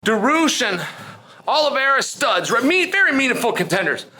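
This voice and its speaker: A man's voice: very high-pitched, sing-song, moderate pace, bright, forceful tone. An American man giving opinion commentary to viewers, speaking emphatically and repeating phrases for effect. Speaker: sports commentator.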